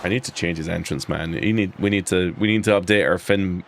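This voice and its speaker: Playing a wrestling game, a man from Scotland with an Edinburgh accent gives casual live commentary over music. His deep, creaky voice is brisk, and he rambles, restarting his sentences as he chats.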